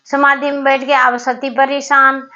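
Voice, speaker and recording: Slow, high-voiced woman storyteller. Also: little pitch movement, sharp tone. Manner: unhurried and halting, with many fillers and repeated words. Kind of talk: casual retelling of a devotional story. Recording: dull lo-fi recording.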